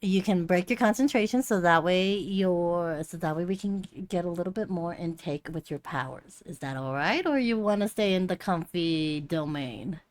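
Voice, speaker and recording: Lowish-voiced woman game master. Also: normal speed, few pauses, no echo. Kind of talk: narrating a tabletop game.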